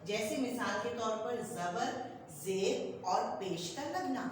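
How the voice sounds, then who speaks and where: A woman's voice: fairly high pitch, lively intonation, slight background noise. Woman teacher, patient and explanatory, recorded from a distance with heavy room echo. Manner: patient, repeats "okay child" as she explains. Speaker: school teacher. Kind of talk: classroom lesson explaining to children. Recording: echoey classroom from far off.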